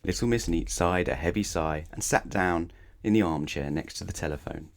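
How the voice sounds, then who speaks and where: A low-voiced man serves as narrator for a children's bedtime story, reading with expression. Dramatic pauses and questions directed at the listener run through his reading.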